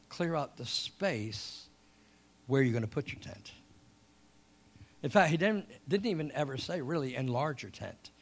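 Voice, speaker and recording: A middle-aged man from England with a mid-range voice preaches a sermon. He tells stories animatedly, repeats his points, and reads scripture slowly and drawn out.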